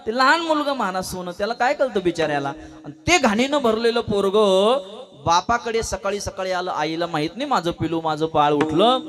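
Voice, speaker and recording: A man's voice: high-pitched, fairly bright tone. A man preaching a devotional kirtan to a live audience. He keeps putting questions to the listeners and acts out the people in his story.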